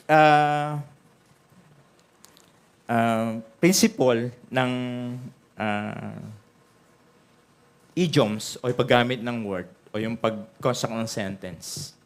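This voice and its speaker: A man with a Filipino accent preaching a sermon as pastor, mixing Tagalog and English and often checking in with "okay?". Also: medium pitch. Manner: frequent "okay?" check-ins to the congregation; switches between Tagalog and English.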